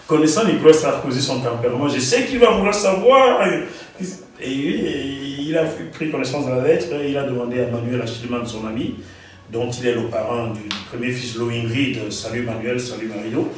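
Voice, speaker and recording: A man from Gabon, a guest in an interview, telling his story in an animated way and repeating words as he recalls details. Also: medium pitch, fairly quick, very echoey, recorded from a distance, slight background noise, rough recording.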